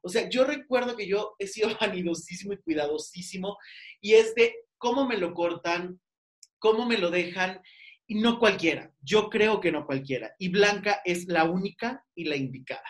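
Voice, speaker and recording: With a high voice and a moderate pace, this Mexican-accented podcast host rambles through a casual interview chat. He's talkative and laughs a lot.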